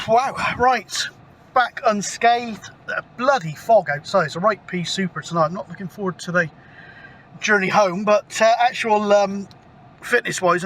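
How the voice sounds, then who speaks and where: A British CB radio hobbyist in his fifties vlogs to camera, chatting casually and ramblingly with some mild swearing. His voice is high-pitched and fairly bright, and the outdoor camera mic picks up clear background noise.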